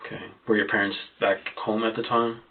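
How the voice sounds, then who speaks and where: Male detective, low flat delivery, probing questions echoed back, noisy narrow-band interrogation tape. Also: fairly quick, gravelly. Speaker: police interrogator. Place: police station interview room. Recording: muffled phone-like interrogation recording, clicks, noise.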